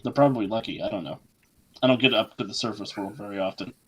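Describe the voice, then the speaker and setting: A man voicing a hooded skeletal ferryman of the dead in a tabletop game, brusque, quick and demanding. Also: lowish voice, fairly bright tone, husky.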